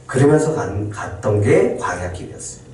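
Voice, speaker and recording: A male pastor preaching a Sunday sermon, pausing for effect and acting out quoted complaints. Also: lowish voice, very animated, faint music behind. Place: church sanctuary. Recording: loud echo, distant mic in church hall.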